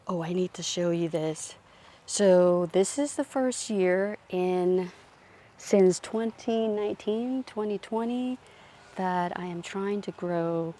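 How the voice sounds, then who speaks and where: Gardening vlogger, woman, lowish warm voice, very slow unhurried pace, outdoor garden tour. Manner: calm, unhurried, explains plants as she walks. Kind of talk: casual garden tour narration.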